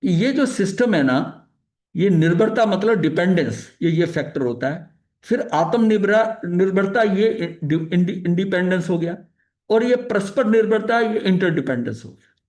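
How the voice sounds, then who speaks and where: A man's voice: high-pitched, lively intonation, normal speed, darkish tone. A man leading a religious study session, explaining ideas in a conversational teaching manner with frequent filler phrases, restarts, and English terms mixed in. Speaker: spiritual study leader.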